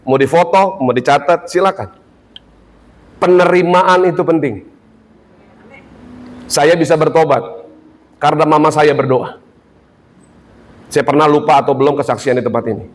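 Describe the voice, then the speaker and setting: A man preaching a sermon in a ballroom service, lively and joking with the congregation. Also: fairly high pitch, normal speed, long pauses. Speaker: pastor.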